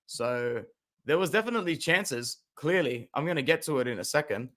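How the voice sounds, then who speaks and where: A young man hosts a casual football stream and talks straight to his viewers. His voice sits a little high, and he swings between loud outbursts and quiet muttered asides as he reacts to highlights. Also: expressive, fairly quick. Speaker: football fan channel host. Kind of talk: casual live-stream commentary.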